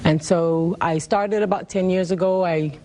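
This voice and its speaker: A woman's voice: on the low side, steady tone, a little slow, dark tone, slight background noise. A woman from the Bahamas, a vegetarian cooking teacher, chatting cheerfully as a guest on a cooking show. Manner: cheerful, laughs often, talks with faith. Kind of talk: studio cooking show chat.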